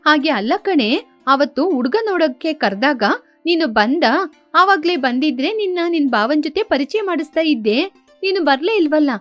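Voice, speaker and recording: Woman doing a gentle, affectionate bride sister. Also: high voice, animated, moderate pace, faint music behind. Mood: chiding.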